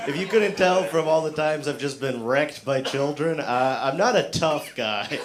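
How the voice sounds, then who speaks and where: A man's voice: on the high side, normal speed. A man from the South Shore of Massachusetts doing a stand-up comedy set on a club stage, self-deprecating and full of fillers. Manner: self-deprecating, filler-heavy delivery with acted quotes. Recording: noisy live club recording.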